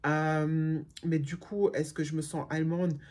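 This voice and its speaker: In an unhurried casual chat, a middle-aged vlogger from Germany frankly answers questions from viewers, using many fillers and restarts. Her voice is low-pitched and darkish, with little pitch movement.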